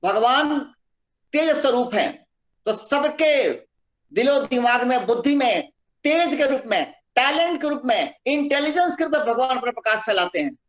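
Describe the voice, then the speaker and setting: A man's voice: very high voice, animated, moderate pace, a bit bright, low-quality recording. A man giving a spiritual discourse as a scripture study teacher, reciting Sanskrit verses and explaining by repeating phrases, heard over a video call.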